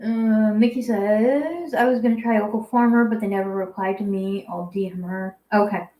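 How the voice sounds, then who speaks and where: A woman's voice: mid-range voice, fairly even intonation, normal speed, warm tone. A young adult woman hosting a casual home livestream, rambling as she reads viewer comments aloud. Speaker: guinea pig channel host. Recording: echoey room.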